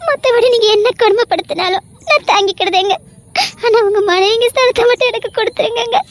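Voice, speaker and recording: A woman's voice: very high voice, expressive, fairly quick, fairly bright tone, heavily acted. A woman voicing a fiercely devoted young wife who pleads in a tearful, vehement way. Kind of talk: dramatic audio story acting.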